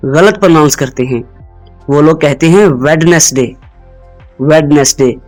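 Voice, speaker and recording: Slow, repeated drilling of each word marks this pronunciation lesson from a fairly high-voiced man, who encourages viewers to say the words back. It's an instructional explainer, roughly recorded, with faint music underneath.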